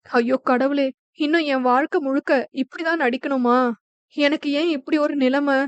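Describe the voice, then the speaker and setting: A woman's voice: high-pitched, steady tone, moderate pace, no room sound, muffled recording, natural voice. A woman narrator voicing a young woman heroine who talks in a worried, tearful way. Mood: tearful despair.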